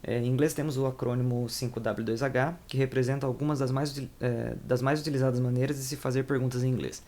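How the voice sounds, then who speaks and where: A man's voice: mid-range voice, steady tone, quick pace, darkish tone. A young Brazilian man with a Brazilian Portuguese accent, teaching an English lesson in a rambling, informal way and correcting himself as he goes. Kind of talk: casual explanatory lesson.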